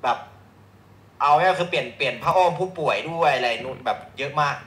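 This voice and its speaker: A man's voice: on the high side, fast talker, a bit bright. Hesitant man on an echoey call. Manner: rambling, hesitant with many fillers. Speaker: guest, friend living abroad. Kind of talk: casual chat among friends.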